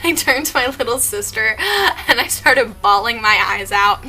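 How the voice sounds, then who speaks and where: A woman's voice: fairly high pitch, normal speed, pushed and bright. A young woman telling a story in a casual vlog, gushing and giggly, with lots of "like" and restarts. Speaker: vlogger.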